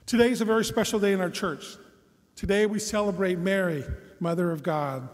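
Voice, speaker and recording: A man's voice: high-pitched, a little fast. A man reading the gospel and giving a casual homily with light humor, his voice ringing with cathedral echo in a large church. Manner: conversational, self-deprecating humor with fillers. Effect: cathedral echo, long church reverb. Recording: long reverb in a large church.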